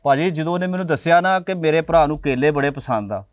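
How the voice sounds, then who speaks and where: A Punjabi man acting in a comic sketch, cheeky and pleading, who keeps talking back. His voice is fairly high and his speech runs fast. The sound is dry and close. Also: dry recording, highs cut off. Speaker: comedy sketch actor.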